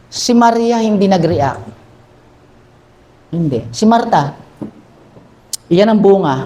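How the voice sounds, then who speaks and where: A male pastor with a notably high voice, preaching in a church. He tells the story with lively emphasis and quick changes of tone, then settles into a calmer, earnest appeal. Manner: animated storytelling, acts out characters. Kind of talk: sermon.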